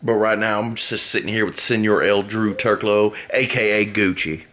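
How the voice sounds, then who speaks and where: A man's voice: lowish voice, fairly even intonation, normal speed, a bit bright, a little hiss or hum. A man, telling a rambling, amused story to his camera. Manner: rambling, amused, repeats himself. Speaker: vlogger.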